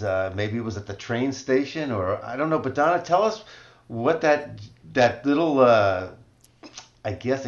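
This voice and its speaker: A man hosting a casual interview, chatty and a bit rambling. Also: lowish voice. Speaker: host. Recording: roomy, dull lo-fi sound.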